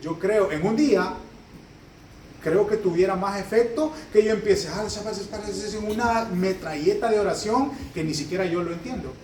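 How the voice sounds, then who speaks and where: A male pastor preaching a fast, joking, conversational sermon that swells into loud, high emphatic bursts. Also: slight background noise. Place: church sanctuary. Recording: echoey hall, heard from a distance.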